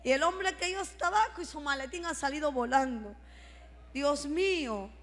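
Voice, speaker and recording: A woman giving a fervent religious testimony, often breaking into shouts of praise. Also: sits high, normal speed, long reverb tail. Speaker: church member giving testimony.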